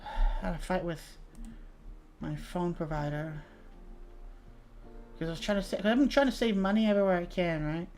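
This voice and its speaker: A woman's voice: fairly low pitch, moderate pace, pauses often, darkish tone, soft background music. Chatty young woman streamer. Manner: chatty, swearing, reading chat aloud. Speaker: VTuber streamer. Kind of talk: casual livestream chat.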